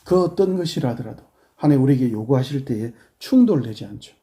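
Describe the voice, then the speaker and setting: A male pastor with a Busan accent preaching a sermon, swinging from hushed prayerful murmurs to loud scolding questions. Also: medium pitch, expressive, fast talker. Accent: Busan Gyeongsang Korean.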